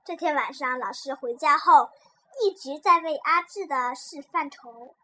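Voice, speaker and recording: A woman reading a children's story aloud in a lively, expressive way. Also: sits high, a little slow, a little hiss or hum.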